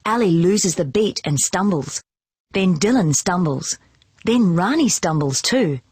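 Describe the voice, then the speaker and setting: Storybook narrator: a woman with a low, husky voice and lively intonation, dry close mic. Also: dry recording. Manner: slow, expressive, clearly paced delivery. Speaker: storybook reader. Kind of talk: children's storybook reading.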